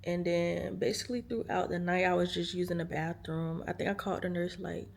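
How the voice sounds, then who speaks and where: This weary vlogger from the United States chats with viewers from a hospital room, calling them "y'all" and using lots of fillers as she tells casual stories to camera. She talks fairly quickly in a low, gravelly voice with a steady tone.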